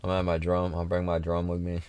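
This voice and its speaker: A man's voice: sits low, monotone, fast talker, a little mellow, clear, resonant tone. A man co-hosting a casual livestream, chatting in a rambling, repetitive way with plenty of swearing. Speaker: livestream co-host.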